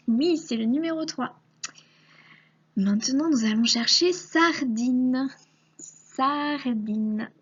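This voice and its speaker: A woman teaching a young child to read, stretching out each syllable in an unhurried, patient way. Her voice is very breathy and slightly higher than most, and it often sinks into a soft half-whisper. The recording is dull and lo-fi. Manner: slow, patient, sounds out syllables and letters.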